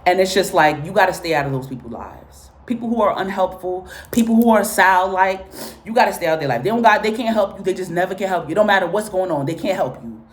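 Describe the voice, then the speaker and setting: Talking fast in a lowish, animated voice, this woman offers a casual tarot and spiritual reading peppered with blunt, repetitive profanity. She comes from Guatemala and Honduras and speaks Spanish as her first language.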